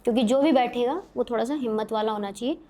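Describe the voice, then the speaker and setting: A woman's voice: fairly high pitch, fast, dark tone. A woman guest on a podcast, telling a frightening personal story in casual, dramatic bursts that build suspense. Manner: dramatic, suspenseful narration in short vivid bursts.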